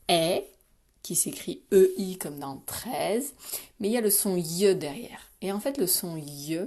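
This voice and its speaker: A woman teacher giving a spelling dictation to young children, speaking slowly and pronouncing each syllable with care. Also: fairly low pitch, dark tone. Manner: slow, carefully articulated, patient; repeats words and stresses syllables for spelling. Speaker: primary school teacher.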